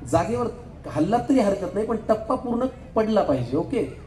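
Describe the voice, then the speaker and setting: A man hosting a live stage game, joking with contestants and counting aloud quickly. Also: sits high, very animated, dark tone, a little hiss or hum. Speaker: game show host. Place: event hall stage. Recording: echoey hall, faint crowd murmur.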